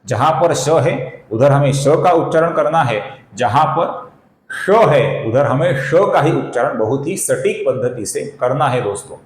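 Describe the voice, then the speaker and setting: A man teaching the correct pronunciation of Sanskrit verses, explaining each sound slowly and repeating syllables, addressing viewers as friends, with verses chanted in a measured way. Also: medium pitch, expressive, roomy sound, poor audio. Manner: slow, careful, repeats syllables for precise pronunciation. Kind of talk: explanatory lesson with slow chanting.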